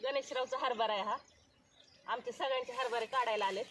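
A woman's voice: fairly high pitch, steady tone, brisk, very noisy. A middle-aged woman narrating a casual village vlog outdoors, chatty and pointing things out to viewers. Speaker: vlogger. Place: outdoors around a village home and farm. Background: birds and outdoor ambience.

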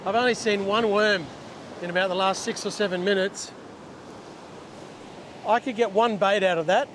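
With a high-pitched, steady voice at normal speed, a middle-aged man fishes on an open ocean beach and casually explains what he's doing for his fishing channel's instructional vlog. He's chatty and restarts sentences, and his clip-on lapel mic catches heavy noise from crashing surf and wind.

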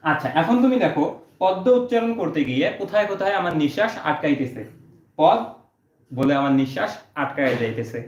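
A male teacher, giving an exam-prep lesson and explaining step by step, saying each point twice. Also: on the high side. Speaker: Bangla teacher. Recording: roomy, dull lo-fi sound.

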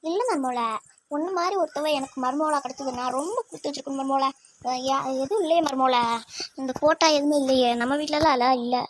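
Cartoon mother-in-law with a Tirunelveli Tamil accent, voiced by a woman, high voice, fond and scolding. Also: fast talker, a little hiss or hum, lightly acted. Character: doting middle-aged mother-in-law, bossy with her son. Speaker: cartoon character.

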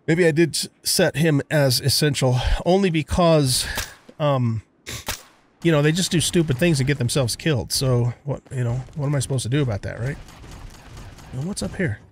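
Guy doing a casual let's play, medium pitch, rambles and thinks out loud, bit of background noise. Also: fairly quick. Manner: rambling, musing aloud. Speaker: gamer narrating a let's play. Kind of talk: casual gameplay commentary.

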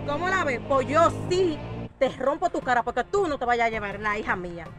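A woman with a Dominican accent acting in a comedy sketch, loud and aggressive, throwing threats, with music underneath. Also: a little high, sing-song, fairly quick.

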